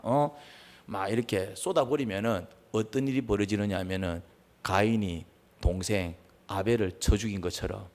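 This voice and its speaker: A male pastor preaching a sermon, asking the congregation questions and acting out quarrels in raised voices. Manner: animated, asks the congregation questions, acts out quarrels in high voices.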